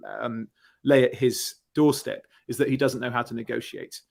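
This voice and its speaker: A man's voice: mid-range voice, fairly even intonation, normal speed, creaky, a little mellow. A man in a casual football discussion, talking as a fan panellist, emphatic and thinking aloud with rhetorical questions.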